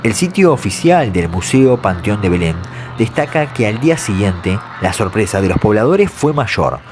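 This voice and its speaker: A man narrates scripted horror legends in a measured storytelling way. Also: on the low side, very animated. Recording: faint music behind the voice. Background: soft background music.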